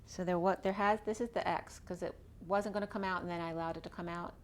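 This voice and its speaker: A woman's voice: lowish voice, fairly even intonation, fast talker, slight background noise. A woman giving a casual tarot reading, talking through each card as she draws it while losing her voice. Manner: chatty, thinking aloud while drawing cards.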